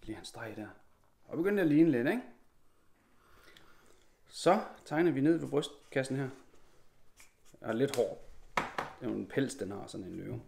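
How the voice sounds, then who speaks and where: A man in his thirties teaching a live online drawing lesson from home, calmly narrating each stroke as he draws. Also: medium pitch, vocal fry, long pauses, slight background noise.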